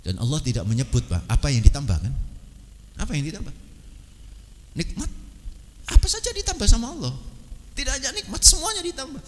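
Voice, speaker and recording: A man's voice: sits high, big pitch swings, brisk, pauses often, long reverb tail. A man with a Javanese accent giving a conversational mosque sermon, often addressing listeners as "Pak" and chanting verses. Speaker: preacher.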